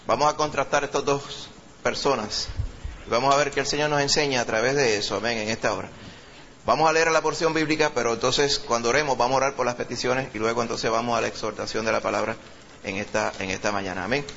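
Bright-voiced Puerto Rican pastor preaching. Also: male voice, mid-range voice, lo-fi sound, a little hiss or hum. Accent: Puerto Rican Spanish. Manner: fervent, reads scripture slowly with rising emphasis; pleading prayer with repeated "Señor" and "Padre". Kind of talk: sermon with scripture reading and prayer.

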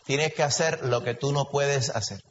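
A man preaching a sermon with a Puerto Rican Spanish accent, animated and full of rhetorical questions. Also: mid-range voice, normal speed, slight background noise. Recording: lo-fi recording with long hall reverb.

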